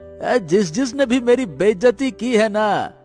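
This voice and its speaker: A man doing a shrill boastful woodcutter. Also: lively intonation, unhurried, darkish tone, soft background music.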